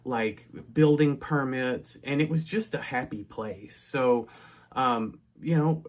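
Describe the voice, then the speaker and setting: Speaking slowly in a mid-range voice, this middle-aged man from North Texas relates a personal story in an easygoing, talkative way. He keeps restarting sentences and tossing in asides.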